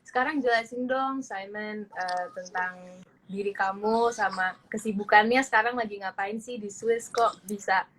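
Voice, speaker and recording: A woman's voice: mid-range voice, moderate pace, a bit bright, rough recording. A woman in her twenties hosting a casual live-stream interview, chatty, eager and upbeat, talking over a video call. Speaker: host.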